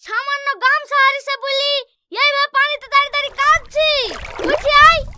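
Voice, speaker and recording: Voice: extremely high pitch, level tone, a little fast, bright, forceful tone, slight background noise, full character voice. A performer voicing a mocking village friend in a comic cartoon, teasing and bossy.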